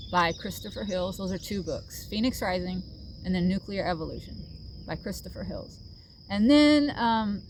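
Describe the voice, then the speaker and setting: A woman's voice: mid-range voice, a little hiss or hum. Earnest woman vlogging outdoors. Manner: earnest, reflective, with frequent fillers and soft laughs. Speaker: vlogger sharing a healing journey. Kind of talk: casual monologue to camera. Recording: faint outdoor ambience with crickets.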